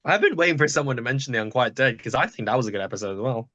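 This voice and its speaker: A man hosting a podcast, chatting quickly and casually with guests and laughing easily. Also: mid-range voice, lively intonation, a bit bright, no room sound, highs cut off. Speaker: podcast host. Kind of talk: casual chat.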